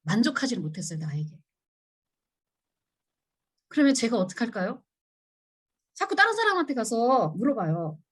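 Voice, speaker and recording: A middle-aged woman lectures at a church women's seminar, her voice sitting a little high. She acts out her old pleas in quoted lines and often turns to ask the audience questions. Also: big pitch swings, moderate pace, pauses often, slightly rough. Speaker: seminar speaker.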